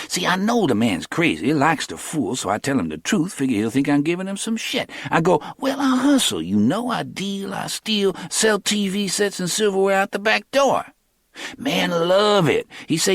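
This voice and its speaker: In an audiobook character reading, a high, lively voice heavily acts out a streetwise young hustler whose street talk is quick, clipped and boastful, swinging all over in pitch. The reading is close and dry, with no echo.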